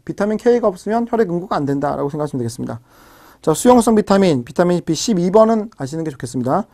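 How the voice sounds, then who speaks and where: Quick, slightly high-voiced male teacher; drills terms by repetition and checks in with students. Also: darkish tone. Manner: explains step by step, repeats key terms, checks in with tag questions. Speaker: biology lecturer. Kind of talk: recorded exam-prep lecture.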